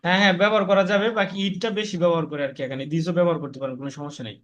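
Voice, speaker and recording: A man's voice: on the high side, fairly bright tone. A man teaching an online spoken English class, patiently saying each word and its meaning for his students. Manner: patient, repeats words slowly for students.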